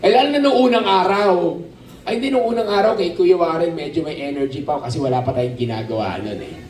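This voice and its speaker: A man preaching a lively sermon at a camp, asking the crowd questions and calling for amens. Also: fairly high pitch, fairly quick, slight background noise. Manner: animated, asks the crowd questions, calls for amens. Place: outdoor camp. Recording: roomy, distant outdoor sermon recording with faint ambience.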